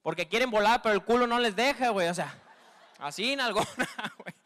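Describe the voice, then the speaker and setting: Stand-up comic, male, northern Mexican accent, very high voice, slangy crude storytelling. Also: brisk, a bit bright. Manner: crude slangy storytelling, constant filler tag; acts out women in a higher squeal. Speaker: stand-up comedian. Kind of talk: stand-up comedy monologue.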